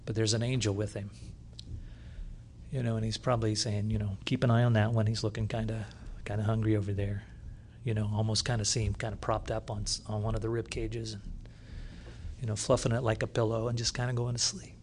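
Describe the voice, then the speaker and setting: A man preaching a sermon, retelling a scripture story with lively storytelling and loud bursts when he reads from the text. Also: fairly low pitch, a little fast, a little hiss or hum. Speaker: pastor.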